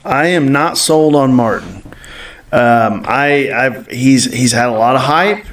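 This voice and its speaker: A man's voice: mid-range voice, expressive, slow pace, slight background noise. Opinionated guy talking fight picks, sounds far off in a echoey room. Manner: opinionated, frequent fillers. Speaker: podcast co-host. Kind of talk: casual fight-picks chat.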